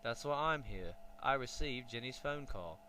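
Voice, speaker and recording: A man voicing a jolly magical duck gentleman with a British accent in a children's storybook, polite and cheerful, over a faint hum. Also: medium pitch, animated, normal speed, low-quality recording. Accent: British English.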